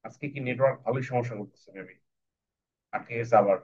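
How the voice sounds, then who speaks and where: A man teaching children an English phonics lesson online, repeating each word slowly for them to copy. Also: mid-range voice, a little mellow, breathy edge, dull audio. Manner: slow, repetitive drilling of words. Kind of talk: phonics lesson to children over a video call.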